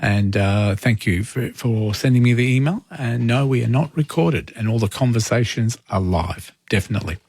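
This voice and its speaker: A man's voice: mid-range voice, normal speed, few pauses, darkish tone, breathy edge, dry recording. Australian man hosting dry, close-miked radio. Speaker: overnight talk radio host. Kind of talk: live phone-in chat. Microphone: close studio microphone.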